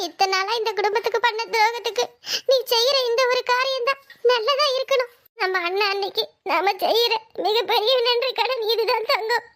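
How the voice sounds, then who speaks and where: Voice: very high-pitched, a little fast, a bit bright. A performer voicing a frantic young sister-in-law who wails to God and mutters to herself. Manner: wailing, calling on God, talking to herself. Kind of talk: Tamil family drama voiceover.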